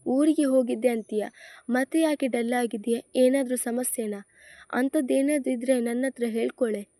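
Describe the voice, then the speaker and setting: A woman's voice: on the high side, fairly even intonation, normal speed, warm tone, no room sound, lightly acted. A woman voicing a caring young female friend who comforts and reassures. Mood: concerned.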